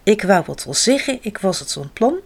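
A woman's voice: medium pitch, very animated, moderate pace, gravelly, breathy edge, full character voice. A woman reading as a shy, timid hedgehog. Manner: hesitant, timid, soft. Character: shy, nervous male hedgehog in love.

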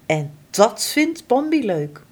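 A woman reading a children's storybook aloud in an expressive, dramatic way. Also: fairly high pitch, takes it slowly, breathy edge.

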